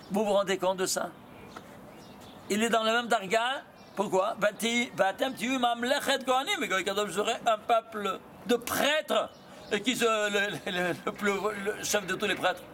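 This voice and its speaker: With a high-sitting voice, a rabbi gives his students a lively Torah lesson, firing off quick rhetorical questions and using Hebrew terms. There's a little hiss or hum in the recording.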